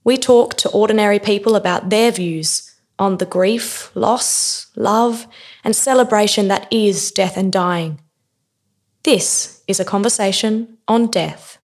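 Woman reading a scripted intro, calm and deliberate, middle pitch. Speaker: program narrator. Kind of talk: scripted narration.

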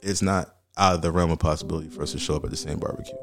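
A young man from Boston with a very low voice talks loosely and profanely as a podcast guest, his stories full of fillers. Music plays clearly underneath him. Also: steady tone. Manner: loose, profane, fast-flowing storytelling with many fillers. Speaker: guest rapper. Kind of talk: casual podcast chat.

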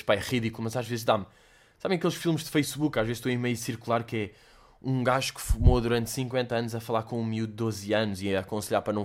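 A young man with a European Portuguese accent, chatting casually as host answering listener questions, animated and swearing, dropping in English slang. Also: medium pitch. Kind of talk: casual chat.

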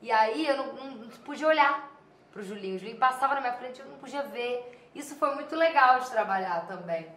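A young adult actress with a Minas Gerais accent, chatting in an interview, reflective and trailing off with little tags. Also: female voice, fairly high pitch, expressive, fast, pushed and bright. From Minas Gerais, Brazil. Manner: reflective, trailing off with "sabe?" and "assim". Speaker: actress guest. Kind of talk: casual interview chat. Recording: roomy, distant mic, faint noise.

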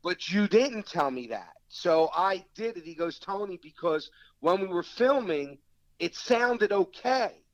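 Speaking unhurriedly in a high voice, a South Philadelphia-accented actor trades stories in a relaxed interview. He animates his anecdotes by acting out what others said to him. The audio sounds dull.

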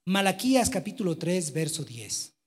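A man preaching a live sermon in a church, swinging from loud exclamations to quiet asides. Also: high-pitched, big pitch swings, normal speed, slightly rough. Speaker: pastor. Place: church with congregation.

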